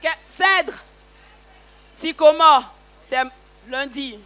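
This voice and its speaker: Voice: high voice, very slow, bright, forceful tone. A church service leader guiding the testimony, calling out amen and hallelujah in response.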